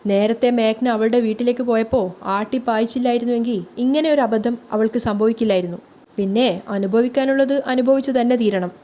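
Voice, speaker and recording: Woman doing angry sarcastic young guy from a serial recap, mellow tone. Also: fairly high pitch, fairly even intonation, fast talker, lightly acted. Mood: scolding. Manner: sarcastic, scolding. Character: angry scolding young man, Kiran.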